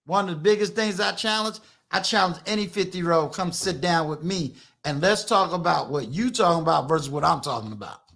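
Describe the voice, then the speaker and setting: A man in his fifties hosts a live stream, giving his viewers a preachy, emphatic and repetitive motivational talk. His slightly high, fairly bright voice is creaky and fairly quick, with hardly any pauses.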